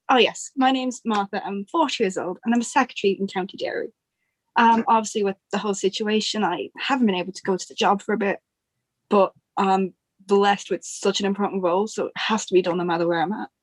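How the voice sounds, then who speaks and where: A woman's voice: medium pitch, fairly quick, no echo, close to an everyday voice. A woman playing a polite, slightly flustered forty-year-old secretary on a group video call. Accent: Irish.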